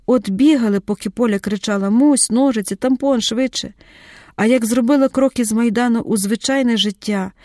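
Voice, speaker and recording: A woman narrating an audiobook in a measured, unhurried reading. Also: medium pitch, a little mellow, no room sound, studio quality.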